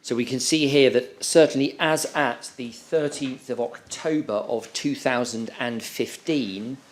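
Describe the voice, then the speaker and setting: Inquiry counsel, male, measured and polite, deliberate questioning. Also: medium pitch. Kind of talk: formal questioning.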